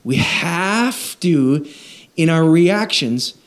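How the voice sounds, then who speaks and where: A man preaching a conversational sermon, animated, with frequent restarts and repeated words. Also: on the high side, extremely slow. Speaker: pastor.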